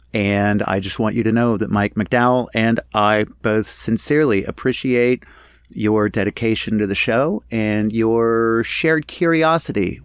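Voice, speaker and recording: A man's voice: on the low side, no echo, studio quality. A man speaking as a podcast host, giving a conversational solo announcement straight to his listeners. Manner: conversational, addressing listeners directly. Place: inside the cabin salon of a boat.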